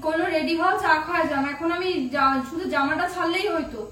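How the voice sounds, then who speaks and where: Casting: woman, very high voice, fast, scolding and suspicious, echoey room, mic far off, noisy. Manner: scolding, suspicious, shouting at times. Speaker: wife in prank skit. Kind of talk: scripted comedy prank skit.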